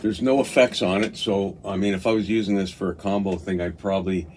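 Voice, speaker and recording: Reviewing music gear in a casual unboxing, a deep-voiced man speaks fairly quickly in a steady tone. His delivery is unscripted and hesitant, as if thinking out loud, and the room recording is clearly noisy.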